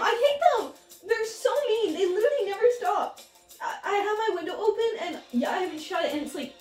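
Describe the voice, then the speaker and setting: A young woman playing a spoiled, whiny rich girl who leans on her father's money, in a comedy skit. Her voice is heard from a distance in an echoey room, with music behind. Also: very high voice. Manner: whiny and self-absorbed. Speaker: college roommate in a comedy skit.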